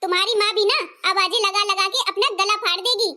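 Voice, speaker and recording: A woman's voice: very high-pitched, fairly quick, sharp tone, full character voice. A woman voicing a nagging older mother-in-law who scolds and grumbles. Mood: grumbling.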